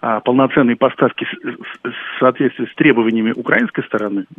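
A man's voice: mid-range voice, a little fast, creaky, breathy edge, no room sound. Man on a tinny, breaking-up phone line. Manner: hesitant, many fillers and broken-off words. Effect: breaking-up phone line, connection dropping out. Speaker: military expert phone-in guest. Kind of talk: phone-in commentary on a radio talk show. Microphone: telephone.

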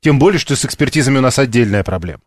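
A man hosting a radio talk show, announcing the topic and putting questions to his studio guests in a brisk, interjecting way. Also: medium pitch, lively intonation, no room sound. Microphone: studio microphone.

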